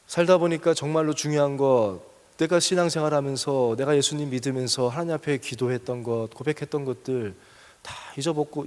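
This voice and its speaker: A man's voice: a little mellow, in a large hall. A man preaching a sermon as pastor, earnestly questioning his congregation and building in force as he urges them on. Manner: earnest, asks the congregation questions, rises in pitch and force when urging.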